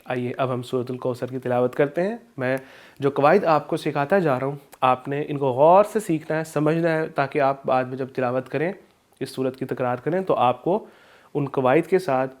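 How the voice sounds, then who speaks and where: A man teaching an Islamic studies lesson with a Pakistani Urdu accent, explaining rules slowly and chanting verses in drawn-out recitation. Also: medium pitch. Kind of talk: recorded video lesson with Quran recitation.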